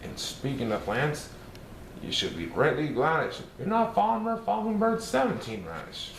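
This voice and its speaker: A man's voice: fairly high pitch, big pitch swings, a little slow, gravelly, exaggerated voice. A man voicing a playful, mischievous male cartoon cat, reading a rhyming storybook in a sing-song, bouncy way. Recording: roomy echo, faint hiss.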